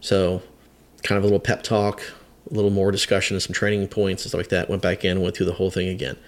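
A man's voice: deep voice, level tone, fast. A man in his fifties, a veteran firefighter, telling a long story in a podcast chat, rambling with hesitant restarts. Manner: rambling, hesitant, many restarts, acts out quotes. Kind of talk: conversational storytelling.

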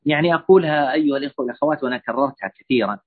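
A man's voice: mid-range voice, racing, slightly rough. Man lecturing over tinny line. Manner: earnest, repetitive, admonishing. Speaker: Islamic lecturer answering questions. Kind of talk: religious parenting lecture.

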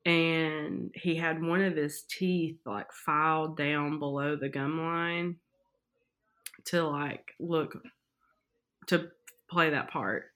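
A woman's voice: low voice, steady tone, slow pace, a bit bright. A woman chatting casually with a friend, hedging her gossip with "like" and "supposedly". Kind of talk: casual chat.

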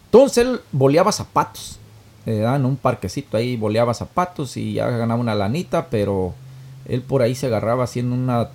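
A middle-aged man tells a story in a folksy, rambling manner. His pitch sits in a typical male middle range, and he speaks as a casual monologue full of fillers. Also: expressive, brisk, a little mellow. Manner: folksy, many fillers like "este".

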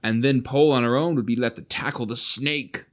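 A man's voice: a little fast, close to an everyday voice. A man reading aloud, voicing a gloomy, cautious marsh creature who speaks with grim understatement. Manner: low, steady, grim understatement.

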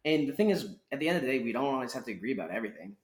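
A man's voice: mid-range voice, animated. A young man co-hosting a casual opinion chat, blunt and profane, often finishing his partner's sentences. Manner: blunt, fast, swears, finishes the other's sentences. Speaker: podcast co-host. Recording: echoey room.

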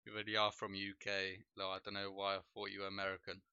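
Speaking quickly in a low, creaky yet clear and resonant voice, a young Polish man rambles easily through livestream chat, his first language being Polish. As a streamer and podcast host, he fills his talk with "like" and "bro." No room sound comes through, though the home mic gives a dull lo-fi feel.

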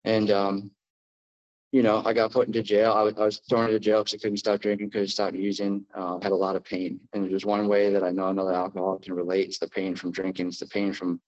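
A deep-voiced man from New Jersey speaks at a recovery meeting, giving personal testimony before a live group. He's plainspoken and halting, his delivery fairly flat and unadorned, and the recording sounds dull and lo-fi.

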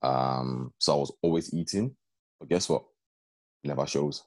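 A young man with a very deep, slightly slow voice tells personal stories in a casual group chat. He's earnest and conversational, often asking "do you know what I mean."

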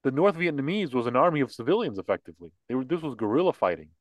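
Speaking rapid-fire in a sing-song, mid-range voice, this podcast co-host riffs casually on politics, airing strong opinions and ridiculing the figures he talks about. He acts out their quotes, and the recording has no echo.

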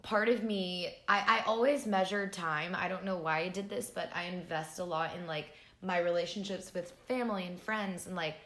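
A woman's voice: fairly low pitch, steady tone, normal speed, hardly any pauses, fairly bright tone, roomy sound. A woman in her twenties co-hosting a podcast, chatting casually over wine with lots of "like" and easy laughter. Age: 20s. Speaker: podcast co-host.

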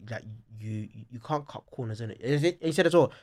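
A man talks casually in a London roadman accent, as on a podcast among friends. His speech is full of street slang and repeated check-in phrases, at a middling pitch. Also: brisk, darkish tone. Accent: London, urban slang. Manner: slangy, repeats "you know what I'm saying".

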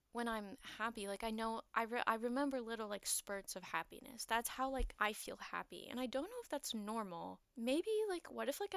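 In a dry recording, a young podcast host talks by herself in a casual, rambling way, packed with fillers and self-deprecation. She has a medium-pitched, slightly bright voice that wavers a little with nerves.

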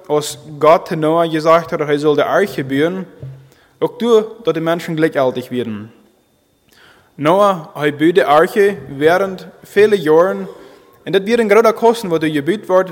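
Man, preacher, halting delivery, slightly high voice, long hall reverb. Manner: halting, repeats and restarts phrases. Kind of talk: sermon.

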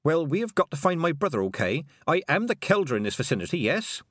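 No-nonsense young girl, brisk and practical, lifted a bit higher, as a man reads her. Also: big pitch swings, fairly bright tone, no room sound, clean studio sound. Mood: determined. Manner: brisk, matter-of-fact.

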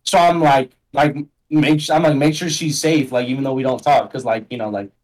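A man's voice: medium pitch, steady tone, fairly quick, rough recording. A young man chatting casually as a podcast guest, rambling in slang and filling his talk with "like" and "bro". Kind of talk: casual chat.

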